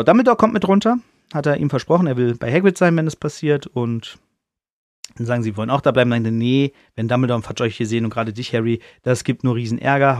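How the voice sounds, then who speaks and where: A man's voice: medium pitch, no echo, clean studio sound. Chatty man retelling a story offhandedly. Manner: chatty and offhand, with slang and swearing. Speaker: podcast host. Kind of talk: casual retelling of a book chapter.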